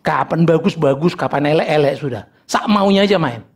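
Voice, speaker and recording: A middle-aged man preaching a sermon, telling lively stories about family life and acting out little dialogues with humor. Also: on the high side, fairly quick, breathy edge. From North Sumatra, Indonesia. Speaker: pastor.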